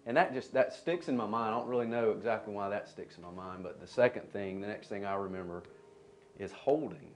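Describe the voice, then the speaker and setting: A man sharing an earnest personal testimony, halting and restarting as he goes. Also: lowish voice.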